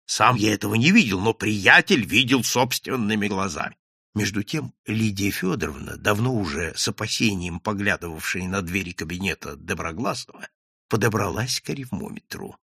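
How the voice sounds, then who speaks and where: A man reading a story aloud in a lively way, lifting his voice for the characters' lines. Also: moderate pace, vocal fry, slightly rough, no room sound, clean studio sound. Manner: lively, raises pitch and volume for characters' quoted lines. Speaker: audiobook narrator. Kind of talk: scripted narration with character voices.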